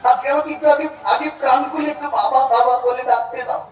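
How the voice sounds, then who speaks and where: A man's voice: very high voice, steady tone, muffled recording, a little hiss or hum. A male stage actor playing an anguished son who longs for his father, in an impassioned, pleading, melodramatic folk theatre style. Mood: sorrowful longing. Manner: impassioned, pleading, drawn-out emotional delivery. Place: folk theatre pandal before an audience. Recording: echoey crowded stage PA from far off.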